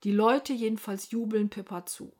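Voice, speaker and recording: A woman narrating a children's story aloud, lively and expressive. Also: mid-range voice, normal speed.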